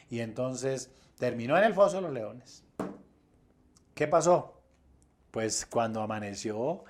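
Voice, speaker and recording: Animated preaching pastor, a man. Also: mid-range voice. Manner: animated preaching with rhetorical questions. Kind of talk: sermon.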